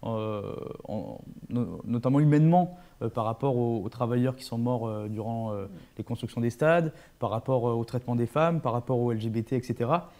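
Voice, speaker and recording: A man's voice: mid-range voice, moderate pace, dark tone. A man speaking as a studio guest, hesitant and restarting often as he argues his point. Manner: hesitant, many fillers and restarts. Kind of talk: talk show discussion.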